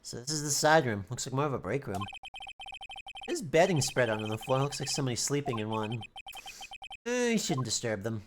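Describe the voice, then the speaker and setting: A woman's voice: big pitch swings, fairly quick, background noise. A woman from the United States playing and reading a game on stream, sarcastic and swearing freely in casual commentary. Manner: sarcastic, swears, jumpy pitch.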